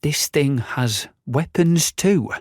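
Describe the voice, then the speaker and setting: Man voicing an eager, excitable boy. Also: on the high side, measured pace, no echo, clean studio sound, voice pushed up, full character voice. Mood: excited. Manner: eager, breathless exclamations. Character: excitable young boy apprentice. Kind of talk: audiobook character voice.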